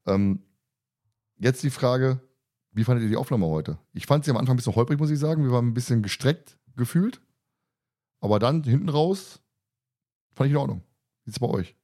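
Chatting with his co-hosts, this podcast host and moderator talks in a mid-range, warm, expressive voice, brisk but broken by long pauses. His talk is casual, colloquial and a bit crude.

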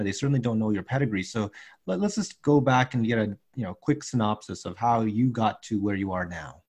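A man's voice: lowish voice, darkish tone. A man hosting a podcast over a call, easygoing and rambling, with playful remarks. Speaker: podcast host and instructor. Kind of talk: casual interview.

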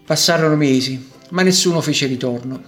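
A man narrating a children's storybook in a gentle, measured way. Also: on the high side, faint music behind.

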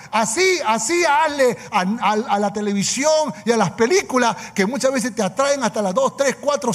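High-voiced preacher in an echoing hall. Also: male voice. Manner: emphatic, calls for amen, repeats phrases. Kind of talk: sermon. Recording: long hall reverb.

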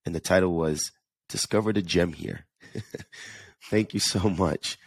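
A man's voice: sits low, slow pace, gravelly, husky. A man with a New York–New Jersey accent, hosting a casual solo podcast and talking earnestly, often repeating words as he goes. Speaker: podcast host.

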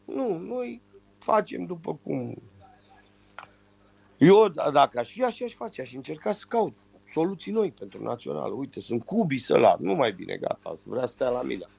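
A man's voice: fairly high pitch, vocal fry, husky. A man calling in as a football pundit, ranting in heated sports talk, his nose stuffed up from a cold, over a muffled phone line. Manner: animated, ranting.

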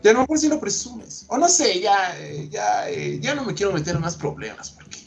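Mexican man, podcast co-host. Animated, high-leaning, sing-song delivery. Home setup on a call. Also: brisk, creaky, faint music behind. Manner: animated storyteller, breaks into playful singing. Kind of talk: casual podcast chat.

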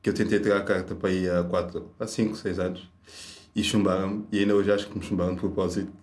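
A man with a European Portuguese accent, a stand-up comedian telling a story in casual chat, animated and acting out the people in it. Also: deep voice, fast talker. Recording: roomy echo.

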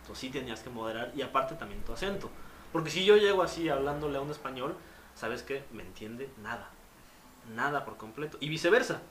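A man's voice: medium pitch, a little fast. Slangy Mexican man telling stories. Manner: storytelling, slangy, animated retellings. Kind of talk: casual chat. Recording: roomy with faint noise.

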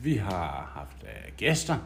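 A man's voice: low voice, wildly swooping pitch, creaky. An older man co-hosting a casual podcast chat, mostly giving short, agreeable replies. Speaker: podcast co-host.

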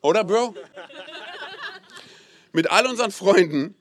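A young man as a pastor giving a casual, animated sermon, peppered with "hey" and asking the audience to repeat phrases. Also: high-pitched, takes it slowly. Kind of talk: lively sermon.

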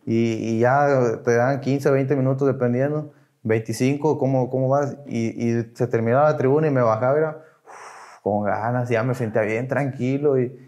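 A man's voice: mid-range voice, steady tone, normal speed, darkish tone. A young man with a Mexican accent, a podcast guest talking casually about his past, slangy and emotional, acting out the voices of people he quotes. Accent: Mexican Spanish. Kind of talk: casual conversation.

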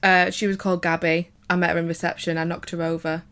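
A woman's voice: on the low side, flat delivery, fast talker, fairly bright tone, clean tone. A young woman hosting a podcast, chatting casually in a playful way and laughing often. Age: 20s. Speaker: podcast host. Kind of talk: casual chat.

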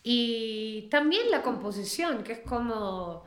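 A woman's voice: on the high side, expressive, takes it slowly. A woman in her thirties, a singer-songwriter talking casually in an interview, chatty and often trailing off to restart. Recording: roomy echo.

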